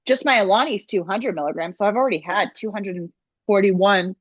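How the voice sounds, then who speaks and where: A woman's voice: medium pitch, brisk, no room sound, highs cut off. A young woman co-hosting a podcast, chatting casually and rambling, tripping over words now and then. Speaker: podcast co-host. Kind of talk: casual chat.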